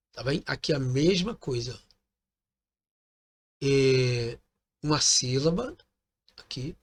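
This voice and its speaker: A man's voice: fairly high pitch, fairly bright tone. A man teaching a recorded lesson, patiently explaining step by step and often checking in with his listeners. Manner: patient, repeats points, ends phrases with "tá bom?".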